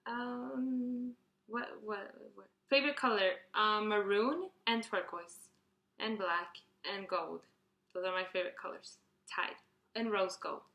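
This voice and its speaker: A woman's voice: mid-range voice, measured pace, reverberant. A 21-year-old woman chatting casually through a question tag video, reading each question out and rambling through her answers. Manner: chatty, rambling, restarts and fillers, reads questions out brightly. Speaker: beauty vlogger.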